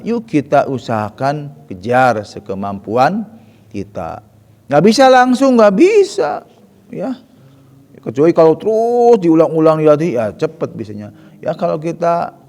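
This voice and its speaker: A man teaching Quran recitation in a relaxed way. He drills Arabic letter sounds, repeating them slowly and correcting them with chatty asides. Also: a little high, in a large hall.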